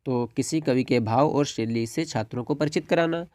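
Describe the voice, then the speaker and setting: A man's voice: mid-range voice, normal speed, darkish tone, dry recording. A man tutoring students through a solved exam paper, reading questions and answers as lists and addressing them as friends after nearly every point. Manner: repeats "dosto" and "theek hai", reads answers as dictated lists. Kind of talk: exam paper walkthrough lesson.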